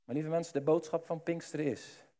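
A man preaching a sermon, addressing the listeners directly and swinging between hushed and loud. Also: a little high, fairly even intonation, brisk.

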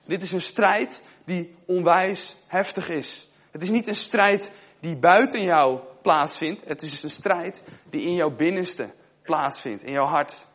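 A man's voice: on the high side, takes it slowly, a bit bright. A young man giving a sermon in a conversational way, asking his listeners questions and telling a personal story. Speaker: preacher.

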